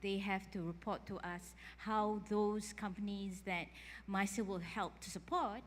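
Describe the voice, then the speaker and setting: A woman's voice: medium pitch, steady tone, unhurried. A woman from a public body speaking on a panel, hesitant and often repeating words. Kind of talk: panel discussion. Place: conference hall. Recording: long reverb in a conference hall.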